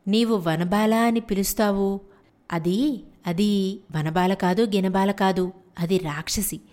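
A woman voicing a kind talking parrot who is really an enchanted girl, speaking gently and soothingly. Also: mid-range voice, slow pace, close to an everyday voice. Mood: hushed, kindly.

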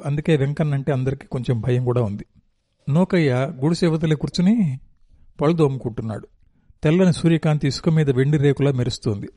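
A man reading a novel aloud as narrator, in a steady, descriptive storytelling manner. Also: fairly high pitch, no room sound, clean studio sound.

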